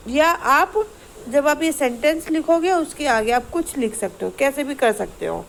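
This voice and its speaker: A woman teacher walks her pupils through a grammar exercise, asking questions and reading each example sentence slowly. Her voice sits high, and a faint background noise runs under the recording. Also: vocal fry, poor audio. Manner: explains patiently, asks the class questions, reads sentences slowly. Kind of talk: Hindi grammar lesson to schoolchildren.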